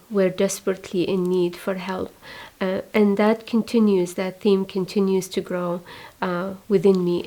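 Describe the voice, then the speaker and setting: Soft-spoken woman religious in her forties. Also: lowish voice, rough recording. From Iraq. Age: 40s. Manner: soft-spoken, hesitant with many fillers. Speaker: religious sister, community founder. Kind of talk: reflective testimony.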